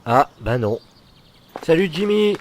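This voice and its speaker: A man's voice: fairly high pitch, big pitch swings, slow pace, noisy background. An actor playing a confused teenager stuck in a grown man's life, baffled and exasperated.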